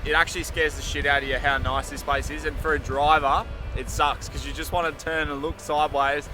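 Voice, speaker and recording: An Australian man chatting casually to camera as a travel vlogger, slangy, sweary and enthusiastic. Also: fairly high pitch. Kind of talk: casual vlog chat. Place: on the road and outdoors by a beach. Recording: noisy wind and vehicle sound.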